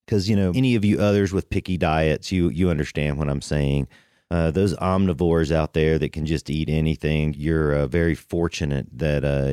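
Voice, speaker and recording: Male podcast host, low-pitched, conversational and rambling intro delivery, very dry recording. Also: dark tone, no echo. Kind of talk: casual podcast introduction monologue.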